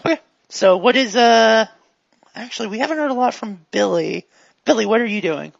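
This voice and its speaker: A man running a tabletop role-playing game as game master, playful and jokey with quick asides. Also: high voice, creaky, no echo, lo-fi sound.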